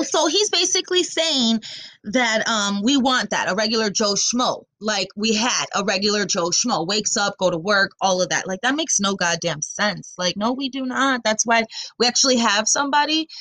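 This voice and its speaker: A woman's voice: medium pitch, a bit bright, dry recording. A young woman doing casual opinion commentary, blunt and profane, rambling with lots of fillers.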